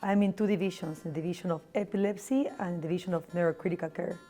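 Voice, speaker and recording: Peruvian lady talking in english, warm low-key tone, earnest, faint music under it. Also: very fast. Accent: Peruvian Spanish. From Peru. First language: Spanish. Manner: earnest, with small slips in English grammar. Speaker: neurology professor. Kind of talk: interview monologue.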